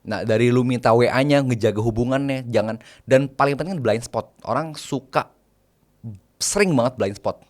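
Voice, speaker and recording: A man's voice: medium pitch, moderate pace. A man, a private banker, chatting casually as an interview guest, mixing in English phrases and laying out numbered tips.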